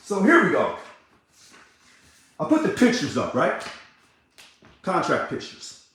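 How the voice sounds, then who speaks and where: High-voiced man ranting in a very echoey room. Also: wildly swooping pitch, slow. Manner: combative, sarcastic, repetitive, bursts into shouting. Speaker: ousted union leader. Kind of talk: ranting monologue.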